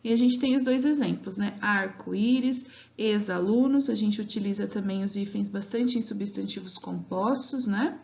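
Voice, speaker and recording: A woman's voice: medium pitch, vocal fry, warm tone. A woman teacher giving a grammar lesson to children, drawing out words syllable by syllable and checking in with "né?" and "tá?". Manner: patient, drawn-out syllables with frequent "né?" and "tá?". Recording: dull lo-fi home recording.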